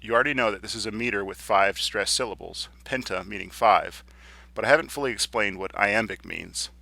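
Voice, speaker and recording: A man teaching a lesson, explaining clearly and reading poems aloud slowly. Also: fairly low pitch, sharp tone, dry recording. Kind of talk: recorded lecture.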